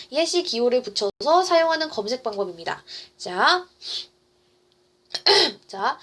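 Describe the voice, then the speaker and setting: High-voiced teen girl explaining a lesson. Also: a bit bright. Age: teens. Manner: explains step by step, repeats phrases, asks the viewer questions. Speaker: student tutor. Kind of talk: casual online lesson.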